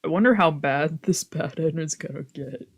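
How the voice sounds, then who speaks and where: A streamer doing a let's play casually narrates and comments on a visual novel, reading lines aloud and freely swearing and reacting between them. The voice is medium-pitched and slightly rough at a moderate pace.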